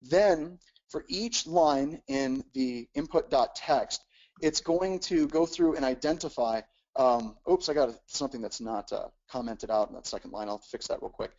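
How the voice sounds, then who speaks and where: A man presenting a technical webcast at an everyday mid pitch. He walks through each step with plenty of "uh"s and restarts. The recording sounds slightly dull and lo-fi. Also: moderate pace, a little mellow. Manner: explanatory, frequent "uh" and repeated words. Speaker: webcast instructor.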